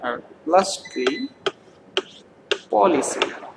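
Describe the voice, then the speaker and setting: A man from Bangladesh teaching an English grammar lesson in Bengali. He repeats words slowly and asks the class questions as he goes. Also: fairly high pitch, animated, creaky, noisy background.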